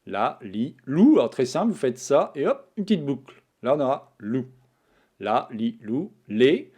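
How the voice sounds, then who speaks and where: A relaxed, chatty Japanese teacher who hosts a channel gives a casual writing tutorial on a screen tablet, talking as he draws strokes. His voice is mellow, husky, mid-range, and unhurried.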